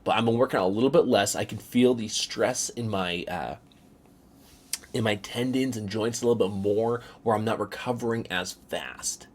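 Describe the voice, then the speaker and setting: A man's voice: on the low side, normal speed. A young man talking casually in a vlog, rambling and repeating words with many fillers. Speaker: vlogger.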